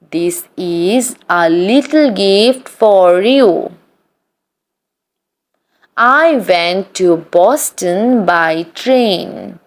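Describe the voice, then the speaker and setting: A woman with a mid-range voice reads short English practice sentences aloud for learners. Her delivery is even and deliberate, and she says each sentence twice.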